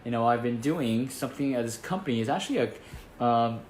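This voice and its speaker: A little fast and darkish in tone, the mid-range voice belongs to an acupuncturist from Taiwan offering casual health advice to camera. He talks conversationally, regularly checking in with brief tag questions, over slight background noise.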